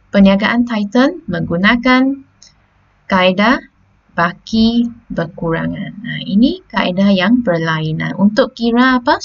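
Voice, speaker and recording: A woman's voice: medium pitch, muffled recording. A Malaysian woman teacher taking students through a lesson step by step, often checking in with "okey" and "ha?". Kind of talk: classroom lesson on slides.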